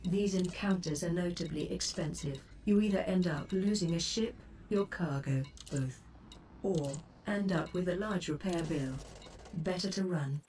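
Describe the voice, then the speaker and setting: Voicing a collected onboard computer in a game, a woman uses a low, darkish tone. Her scripted advisory lines are formal, measured, and precisely phrased. The capture is a slightly distant, noisy recording from a game stream.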